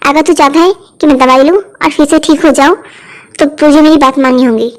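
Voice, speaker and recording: A woman's voice: high voice, a little fast, close to an everyday voice. A woman voicing a bossy, scheming old grandmother who scolds and coaxes. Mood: sly coaxing.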